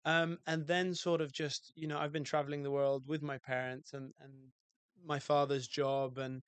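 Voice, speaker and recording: A man's voice: fairly high pitch, little pitch movement, normal speed, clear, resonant tone, dry recording. A man with a British accent from outside London, telling his story as a podcast guest in a loose, easygoing way with lots of fillers. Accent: British English. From England, outside London. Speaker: guest, hotel owner. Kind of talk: relaxed podcast interview.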